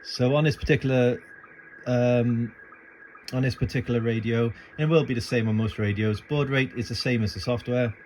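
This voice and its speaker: This is a man at medium pitch, moderately paced, with fairly even intonation and a slightly mellow sound. An amateur radio hobbyist, he casually films a tutorial of his screen and gear on a handheld phone, thinking out loud in a hesitant, unscripted way; the phone audio is noisy.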